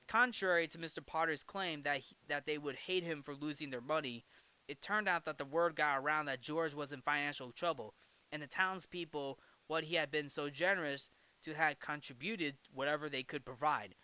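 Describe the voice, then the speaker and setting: A man's voice: on the high side, bright, forceful tone. A man giving a casual, enthusiastic recap of a film, laughing easily between restarts. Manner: enthusiastic, giggly, with frequent restarts. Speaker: film review vlogger.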